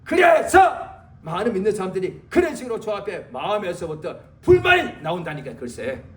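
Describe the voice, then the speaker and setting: A male pastor preaching a sermon in a church, dramatic, swinging from loud exclamations to low muttered asides. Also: wildly swooping pitch, fairly quick. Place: church sanctuary. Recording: echoey church hall, distant mic.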